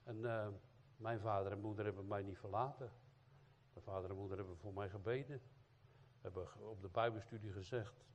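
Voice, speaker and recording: A man's voice: lowish voice, steady tone, a little fast, a little hiss or hum. A man, an evangelist, giving an informal sermon, often adding tag questions and filler sounds as he talks to the congregation. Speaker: evangelist preacher.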